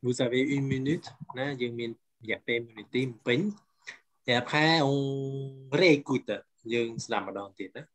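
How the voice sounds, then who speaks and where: A man's voice: medium pitch, a little slow, a bit bright. A man teaching a class, giving casual instructions and switching between languages.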